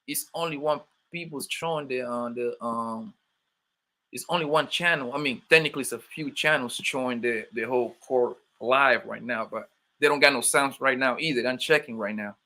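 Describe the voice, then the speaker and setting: Brisk, bright, and forceful, this medium-pitched male voice belongs to a young livestream host with a New York accent. Originally from Colombia and raised in Brooklyn, he keeps things casual, joking freely and shouting out chat viewers by name.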